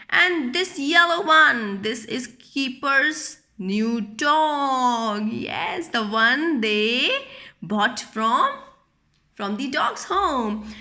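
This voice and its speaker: A children's storyteller reads a picture book aloud to young children in a fairly high, pushed, bright voice. She explains the story simply, using questions and repetition.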